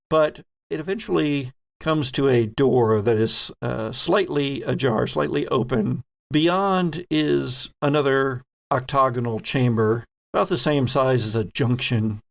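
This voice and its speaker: His voice mid-range and creaky, a man narrates a tabletop horror role-playing game as its game master. He sets the scenes with deliberate care, pausing in the middle of phrases.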